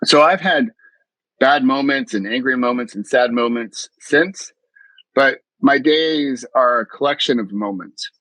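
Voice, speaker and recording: A man's voice: medium pitch, measured pace, bright, forceful tone, dry recording, low-quality recording. Earnest middle-aged man, dry sound. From US East Coast. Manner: earnest, reflective, with frequent restarts. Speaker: mindfulness coach and podcast guest. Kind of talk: interview storytelling.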